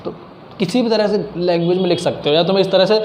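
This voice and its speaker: This man talks fast in a high, slightly mellow voice while tutoring math casually, working through steps and dropping in English math terms. The recording has room echo and faint background noise.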